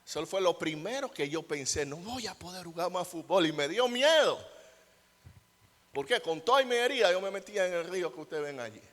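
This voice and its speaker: A young man preaches to his congregation in a fairly high voice. He swings from quiet, low asides to loud, high-pitched mocking bursts. The sound rings with the long reverb of a church hall. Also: lively intonation, quick pace, few pauses. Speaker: pastor. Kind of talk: sermon.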